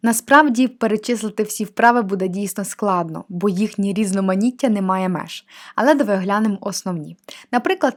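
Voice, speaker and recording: A young woman, a language teacher, gives a friendly step-by-step walkthrough of an interactive course platform. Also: medium pitch. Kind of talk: screen-share walkthrough of a textbook.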